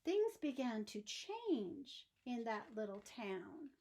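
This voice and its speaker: Reading aloud from a children's storybook, a woman with a slightly high voice narrates with expression. She shapes her phrasing deliberately and emphatically for a young audience.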